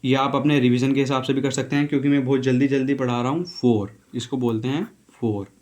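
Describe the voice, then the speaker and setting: Man spelling out words slowly as he teaches. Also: mid-range voice, steady tone, darkish tone. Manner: spells words letter by letter, repeats pronunciations, keeps saying "okay". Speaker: English teacher. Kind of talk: casual spoken lesson.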